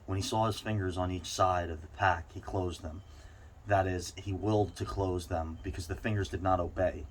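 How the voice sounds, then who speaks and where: A man's voice: low-pitched, fairly even intonation, normal speed. A man reading a short story aloud, now and then stumbling over a word and going back over it. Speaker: reader. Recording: clear background noise.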